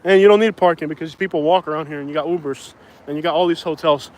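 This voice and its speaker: A man's voice: fairly high pitch, steady tone, fast, a little mellow, low-quality recording. A Cuban man who drives for a rideshare app, talking bluntly and rambling in a casual livestream while walking outdoors on a city street. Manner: blunt, opinionated, rambling with restarts.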